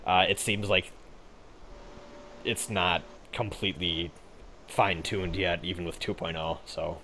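Laid-back low-voiced young man. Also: fairly even intonation, unhurried, bright, forceful tone, a little hiss or hum. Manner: laid-back, rambling, swears often, frequent fillers. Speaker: podcast co-host. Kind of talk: casual gaming podcast chat.

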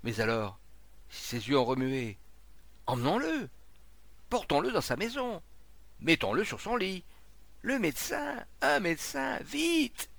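A man's voice: mid-range voice, big pitch swings, a little slow, long pauses, a bit bright, slightly rough, no room sound, heavily acted. A man voicing a burly, hairy-armed cartwright who urgently directs the crowd.

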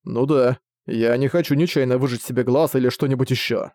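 An irritable young male mage student from an audiobook, guarded and a little sulky, as a man reads him in a mellow voice. The recording is close and dry. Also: medium pitch, steady tone, brisk, no room sound, lightly acted.

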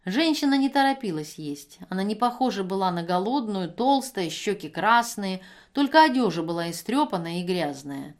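A woman reading a novel aloud as narrator, in measured, steady storytelling. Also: mid-range voice.

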